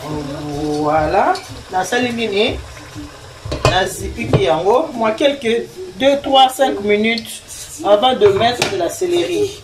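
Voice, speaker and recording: An older woman hosting a home cooking show and giving marriage advice, with a teasing, animated way of talking. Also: fairly high pitch, takes it slowly. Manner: chatty, teasing, animated storytelling. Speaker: host, grandmother. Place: home kitchen. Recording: echoey room, voice from far off, faint noise.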